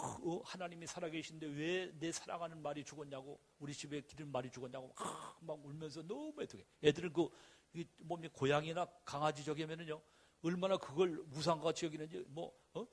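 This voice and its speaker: A man's voice: on the high side, slightly rough. A middle-aged male pastor preaching a sermon, urging and asking rhetorical questions with emphatic repeated calls.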